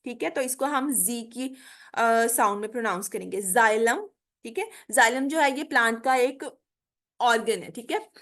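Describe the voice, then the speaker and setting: A woman's voice: a little high, fairly bright tone. A woman teaching pronunciation in an online lecture, explaining patiently and checking in often with her students. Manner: explains slowly, mixing Hindi with careful English, keeps saying "theek hai". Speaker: English teacher. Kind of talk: online spoken English lecture.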